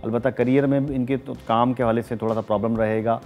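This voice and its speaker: A middle-aged man with a Pakistani Urdu accent, an astrologer reading horoscopes on a studio talk show, explaining things in a measured way with frequent hesitations. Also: mid-range voice, steady tone, dull audio, faint music behind.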